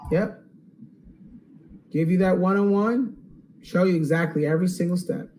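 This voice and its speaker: A man hosting a live webinar Q&A, upbeat and salesy, checking in with "okay?" and going hoarse. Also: high-pitched, normal speed, a little mellow, a little hiss or hum, poor audio. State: losing his voice. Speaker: online course host.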